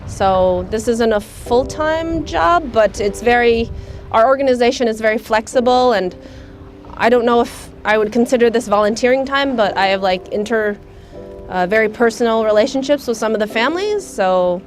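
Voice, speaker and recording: A young American woman, speaking thoughtfully in a documentary interview, often pausing with "um" as she searches for words. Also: on the high side, soft background music. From United States. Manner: thoughtful, soft-spoken, many hesitations with um. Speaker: volunteer.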